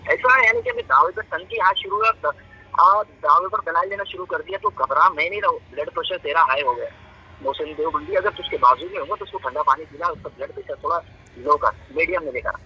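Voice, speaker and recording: Man debating by phone, taunting and insistent, high lively voice, muffled with a faint hiss. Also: quick pace, slightly rough. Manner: taunting, insistent, repeats his question. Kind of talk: heated religious debate over a phone call.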